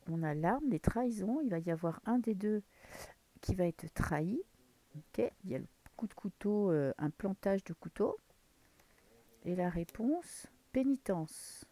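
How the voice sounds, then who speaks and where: French woman reading tarot cards, mellow voice, dry close sound, talks to herself and whispers now and then. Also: medium pitch, no echo. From France. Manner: muses aloud while drawing cards, drops into whispers. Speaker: tarot card reader. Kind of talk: casual tarot reading to camera.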